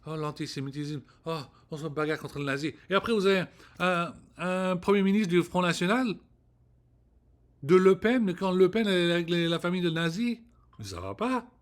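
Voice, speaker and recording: A man's voice: high-pitched, lively intonation, normal speed. A man ranting in a casual monologue, rambling and profane, often restarting his words. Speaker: vlogger. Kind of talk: casual spoken rant to camera.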